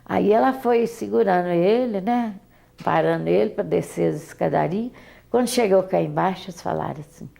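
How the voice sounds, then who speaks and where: An older woman with a Brazilian accent gives oral history testimony. Her voice is heavily gravelly and dark, a little low for a woman. She talks haltingly and often repeats and restarts her words. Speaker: interviewee, mother recalling her daughter.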